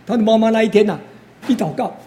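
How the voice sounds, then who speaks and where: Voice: mid-range voice, fast, mellow, a little hiss or hum. An older preacher, giving a testimony sermon as a story, full of interjections and quoted dialogue.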